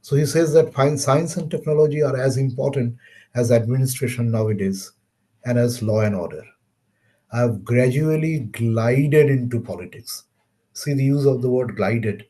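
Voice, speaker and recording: A man with an Indian accent giving a webinar lecture on science history, measured and halting with pauses. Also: mid-range voice, dark tone. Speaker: webinar speaker.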